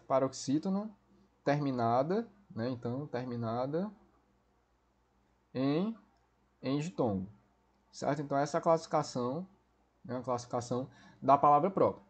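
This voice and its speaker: A man teaching a Portuguese grammar lesson for exam preparation, explaining step by step and checking in often with quick tag questions. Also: fairly high pitch, a little mellow, breathy edge.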